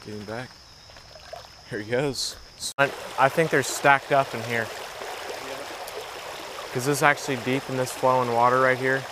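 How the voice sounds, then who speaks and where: A man's voice: medium pitch, normal speed, long pauses, noisy background. Chatty teen guy fishing a creek. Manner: excited, chatty, says dude a lot. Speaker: fishing vlogger. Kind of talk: casual outdoor vlog narration. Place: outdoors by a creek. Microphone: action camera.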